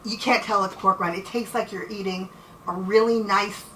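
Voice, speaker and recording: Woman host, bright chatty delivery, echoey kitchen, mic set back. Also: mid-range voice, steady tone, normal speed, slight background noise. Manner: chatty, friendly, playful with her partner. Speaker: cooking show host. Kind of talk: casual cooking demonstration. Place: home kitchen. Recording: echoey room, mic at a distance.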